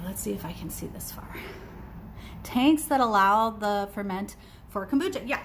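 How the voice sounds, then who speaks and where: A woman's voice: a little high, reverberant, slight background noise, low-quality recording. Chatty woman teaching brewing on a phone stream. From United States. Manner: chatty and explanatory, many um fillers. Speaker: kombucha brewing educator. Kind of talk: casual livestream teaching. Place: indoors on a couch by large windows. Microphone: phone camera at arm's length.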